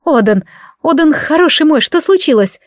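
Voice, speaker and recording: A woman's voice: fairly high pitch, lively intonation, no echo, studio quality, natural voice. A woman playing an anxious noble mother. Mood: worried. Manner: quick, worried.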